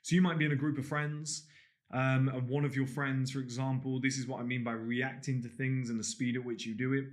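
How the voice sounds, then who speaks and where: A man's voice: mid-range voice, flat delivery, brisk. A man teaching body language in a casual spoken lesson, blunt and swearing freely, acting out little everyday scenes.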